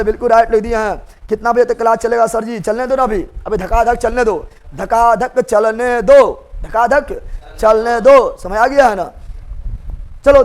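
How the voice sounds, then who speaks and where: A man teaching a general knowledge revision class, drilling students with call-and-response and teasing them in colloquial speech. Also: very high voice.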